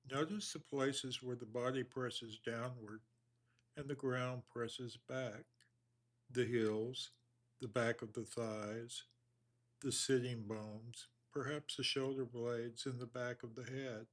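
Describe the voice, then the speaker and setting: A man leads a very slow body scan meditation in a mid-pitched, steady voice that hardly moves melodically. Each instruction comes measured and soothing, followed by long pauses.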